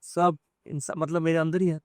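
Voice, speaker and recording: A man, a music composer, sharing an emotional personal story in an interview, speaking in a soft, halting way. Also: a little high, little pitch movement, no echo.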